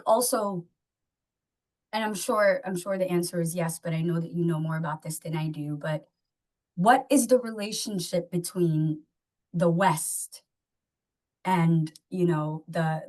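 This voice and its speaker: A woman's voice: lowish voice, a little mellow. A woman from Somalia hosting an interview, asking questions in a rambling, searching way, full of "like" and "you know". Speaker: podcast host. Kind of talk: conversational interview.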